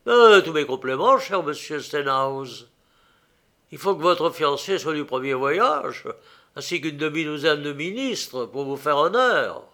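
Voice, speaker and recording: A man's voice: fairly high pitch, animated, unhurried, sharp tone, exaggerated voice. A man reading an audiobook aloud, voicing a sly middle-aged count who talks in a clipped, offhand way.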